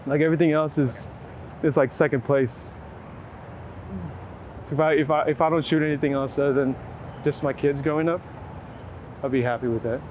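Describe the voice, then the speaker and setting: A middle-aged man, a photographer, responds to an interview in a voice that is on the high side, steady, and a little mellow. He talks casually and reflectively, pausing, filling gaps, and reworking his sentences often. The recording is outdoors in a city with traffic and urban ambience.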